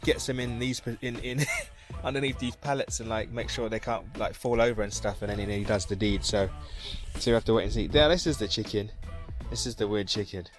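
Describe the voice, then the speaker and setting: A man's voice: on the low side, fairly quick, music in the background. A man giving a rambling, casual vlog tour of his croft outdoors, talking to a handheld camera. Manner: chatty, rambling, self-correcting. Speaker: crofter vlogger. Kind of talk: casual vlog walk-around.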